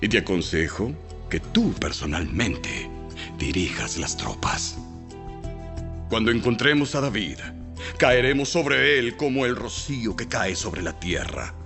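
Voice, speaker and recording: An actor playing a shrewd, persuasive male royal counselor in an audio Bible drama, speaking with theatrical, deliberate emphasis. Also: fairly low pitch, sing-song, gravelly, full character voice. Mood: persuasive, grave. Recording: music behind.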